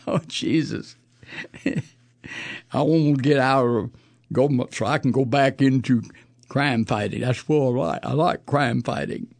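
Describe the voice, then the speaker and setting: A man's voice: medium pitch, slow, gravelly, long pauses, darkish tone, no echo. A man hosting a political talk show, reading news items and mocking them with sardonic, profane commentary and frequent laughter.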